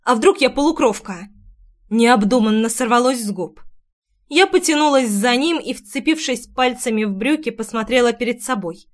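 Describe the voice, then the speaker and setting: A woman's voice: fairly high pitch, animated, moderate pace. A woman narrating a first-person audiobook in an intimate, emotional reading.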